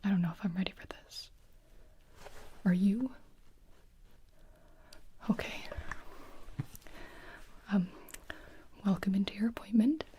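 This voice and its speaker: A woman whispering hesitantly as a doctor in an ASMR roleplay, with soft fillers and pauses. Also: medium pitch, a little hiss or hum.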